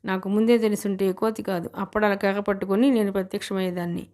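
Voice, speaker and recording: A woman voicing a proud, sharp-tongued young bride in an audiobook, with scolding lines. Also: mid-range voice, steady tone, fast, close to an everyday voice.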